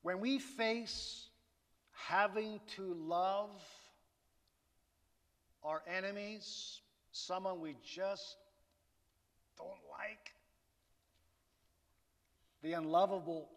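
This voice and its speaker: A man delivers a sermon with an easy, conversational tone, dropping rhetorical questions to his listeners. He speaks at an unhurried pace. His voice rings out with a long echo, as if in a large church sanctuary. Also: high-pitched. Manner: conversational preaching with rhetorical asides. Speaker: pastor. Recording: reverberant hall.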